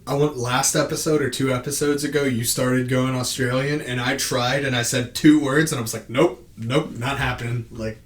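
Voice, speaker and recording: A man's voice: medium pitch, fairly even intonation, fairly quick, hardly any pauses. A young man co-hosting a podcast in casual, rambling chat with lots of fillers. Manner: laid-back, rambling with many fillers. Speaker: podcast co-host. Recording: echoey room with faint noise.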